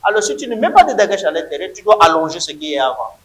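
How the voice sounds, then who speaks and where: A man's voice: fairly high pitch, big pitch swings, fast talker, a bit bright, reverberant, slight background noise, poor audio. A man teaching a Hebrew grammar lesson to a class, emphatic and repeating words to drill them.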